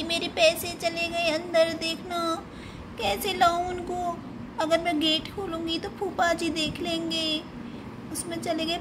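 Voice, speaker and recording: A woman's voice: very high voice, noisy background, heavily acted. A woman voicing a small, timid girl doll who pleads and whines, in a doll-play story. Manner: whiny, pleading.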